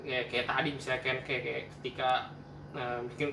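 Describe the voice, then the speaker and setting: A man's voice: medium pitch, level tone, normal speed, gravelly, pushed and bright. A man with a Jakarta Indonesian accent who cannot roll his r, saying it like a w, chatting casually and mixing in English words. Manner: mixes English words into speech. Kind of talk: casual group chat. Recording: roomy echo, distant mic, faint noise.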